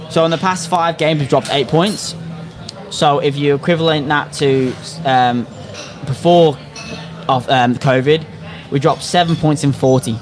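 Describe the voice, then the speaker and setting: A man hosting a casual football podcast chat in an opinionated, sweary way. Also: a little high. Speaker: podcast host.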